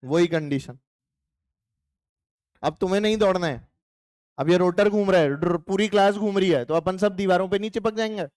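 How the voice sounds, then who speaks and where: A man's voice: high-pitched, moderate pace, long pauses, a little mellow, dry recording, studio quality. A male physics teacher giving a playful, chatty classroom lecture and teasing his students.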